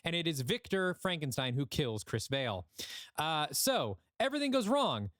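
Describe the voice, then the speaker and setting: A man's voice: a little high, big pitch swings, normal speed, fairly bright tone, dry recording, studio quality. A man hosting a podcast, giving a casual recap of a story. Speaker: podcast host.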